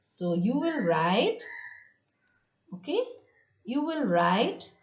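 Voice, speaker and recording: A woman's voice: on the high side, very animated, dull audio. A woman school teacher with an Indian English accent, giving a recorded online lesson and repeating her instructions. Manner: slow, repeats instructions, stresses key words. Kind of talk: recorded online class lecture.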